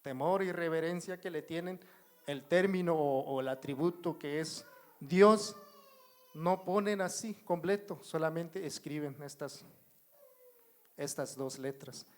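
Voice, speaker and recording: A man with a Mexican Spanish accent leads a Bible study in a church, his voice fairly high, unhurried, and a little mellow. He writes on a board while explaining, repeats himself often, calls the congregation brothers, and keeps checking whether they follow his slow, repetitive teaching.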